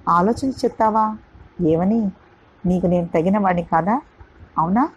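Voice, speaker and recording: A woman voicing a shy, thoughtful young woman weighing a marriage proposal, hesitant and husky. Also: medium pitch, normal speed, highs cut off, natural voice.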